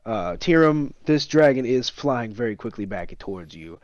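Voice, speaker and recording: A man's voice: medium pitch, lively intonation, moderate pace, a little mellow, no room sound, muffled recording. A man speaking casually as game master, narrating a tabletop game to players.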